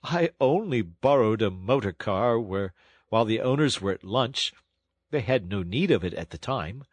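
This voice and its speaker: A man voicing a boastful, excitable male toad who pleads and makes excuses in a theatrical way, in a husky voice. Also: moderate pace, no room sound. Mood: sheepish excuses. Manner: pleading, high-strung and theatrical. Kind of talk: audiobook storytelling.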